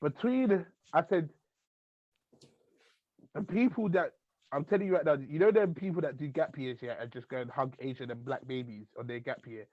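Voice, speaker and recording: A man's voice: on the high side, normal speed, no room sound. A man hosting a podcast, chatting casually in slang and acting out quotes. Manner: animated, slangy, acts out quotes. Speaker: podcast host. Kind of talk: casual chat. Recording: muffled dry podcast audio.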